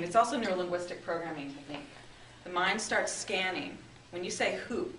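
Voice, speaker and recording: A woman's voice: fairly low pitch, fairly bright tone. Chatty woman leading a workshop in an echoey room. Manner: chatty, upbeat, asks the room questions. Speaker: marketing workshop presenter. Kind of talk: interactive workshop talk. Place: meeting room with an audience. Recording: echoey room, distant mic, noisy.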